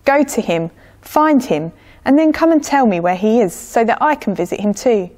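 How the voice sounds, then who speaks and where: A woman voicing a jealous, scheming king in a story told for children, bursting out in indignant shouts. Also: a little high, lively intonation, normal speed. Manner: indignant, loud outbursts. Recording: echoey church hall.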